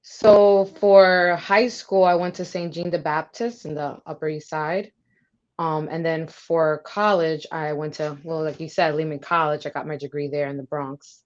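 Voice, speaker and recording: A woman's voice: low voice, steady tone, measured pace, lo-fi sound. A young woman from New York, a military recruiter, answering interview questions in a friendly, chatty way with many fillers.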